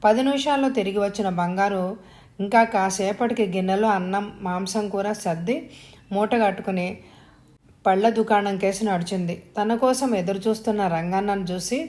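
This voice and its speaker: A woman storyteller reading an audio story in a steady, even narration. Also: mid-range voice, normal speed.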